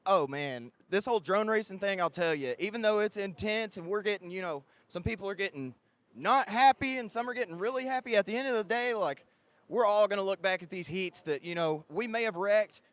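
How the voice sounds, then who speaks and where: A man's voice: high voice, a little fast, dry recording. A young man, a drone racing pilot, talking casually in a post-race interview, full of fillers. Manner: relaxed, chatty, filler-heavy.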